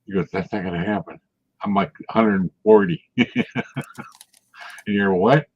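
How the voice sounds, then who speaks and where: Here a man in his sixties, fairly low-pitched and a little slow, sounds animated, with vocal fry and a breathy edge. He chats loosely, spinning rambling tales punctuated by frequent chuckles, on muffled lo-fi audio.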